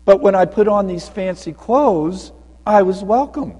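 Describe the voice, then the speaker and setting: A man voicing a calm, wise old man in a children's story, speaking mildly and matter-of-factly. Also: sits high, a little slow. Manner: mild, matter-of-fact. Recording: long church reverb.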